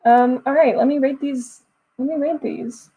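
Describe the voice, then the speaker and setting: Her voice sits high and holds a steady tone at normal speed, heard through narrow, tinny audio. She's a 21-year-old from Texas hosting a livestream, casually talking with viewers and reading their chat messages aloud before answering.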